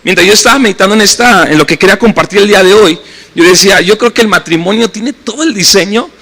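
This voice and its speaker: High, bright-voiced Mexican pastor preaching. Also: male voice, poor audio. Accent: Mexican Spanish. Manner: conversational preaching with frequent tag questions. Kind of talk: sermon. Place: church service.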